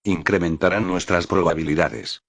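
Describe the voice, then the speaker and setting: A man's voice: low-pitched, steady tone, normal speed, dry recording. An actor playing an eager, restless young man who argues persuasively for his plan.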